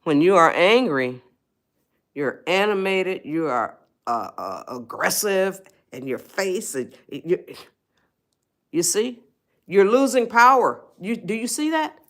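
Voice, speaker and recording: A woman host speaks to her live viewers in a voice of ordinary middle pitch. She is emphatic and repetitive and keeps checking that they follow her. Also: sing-song, slow. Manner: speaks directly to viewers as a group. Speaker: author and parenting speaker. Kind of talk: live-stream motivational talk. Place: her own live stream.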